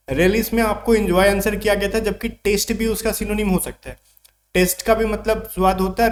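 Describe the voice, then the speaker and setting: A man's voice: sits high, a little hiss or hum. A man teaching an exam vocabulary lesson, explaining words step by step and checking in with his students often.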